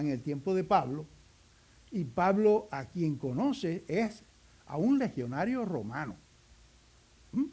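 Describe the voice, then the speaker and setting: A man's voice: a little high, a little mellow. A Cuban man preaching a sermon, telling stories in a folksy way with humorous asides. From Cuba.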